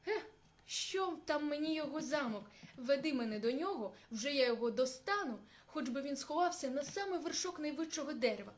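A woman voicing a fierce, hungry male bear who shouts threats. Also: high voice, animated, fairly quick. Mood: furious.

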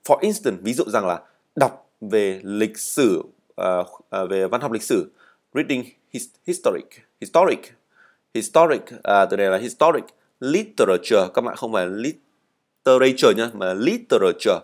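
A man's voice: lowish voice, lively intonation, normal speed. A man teaching an English speaking lesson, explaining in Vietnamese, reading model answers and having students repeat words after him. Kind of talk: spoken language lesson.

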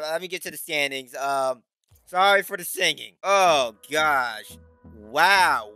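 This high-pitched, sharp-toned male voice belongs to a young gaming YouTuber at home in his bedroom. Wearing a headset mic, he delivers excited, joking gameplay commentary and an outro, poking fun at his own singing.

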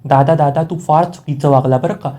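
A man's voice: a little high, steady tone, a little fast, dark tone, close to an everyday voice. A man voicing a teasing, pushy younger sister within a spoken serial recap. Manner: chiding, needling.

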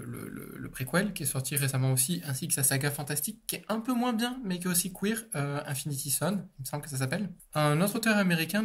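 A young author answers interview questions casually and chattily, his slightly high voice full of fillers and the occasional curse word.

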